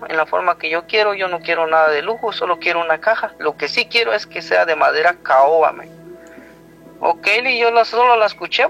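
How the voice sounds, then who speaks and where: A guest from Guatemala, speaking with a Guatemalan Spanish accent in a high, bright voice, tells a rambling, conversational personal story. He frequently quotes others with "he told me," and music is clearly heard behind him on a slightly dull recording.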